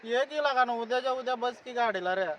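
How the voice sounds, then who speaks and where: Comic man, high and bright, whiny pleading, light background noise. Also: fast. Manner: whiny, pleading, tearful complaining. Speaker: comic sketch performer. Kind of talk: comic phone call sketch.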